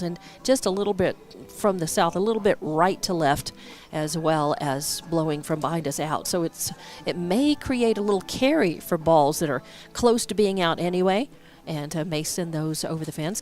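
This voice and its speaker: A woman's voice: fairly low pitch, darkish tone. A woman doing color commentary at a local baseball game, friendly and conversational with rambling asides.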